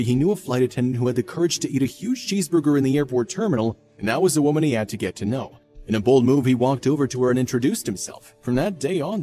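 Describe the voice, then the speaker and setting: At a brisk clip, a male narrator tells a scripted viral story in a mellow, soft-edged, medium-pitched voice. Faint music plays in the background.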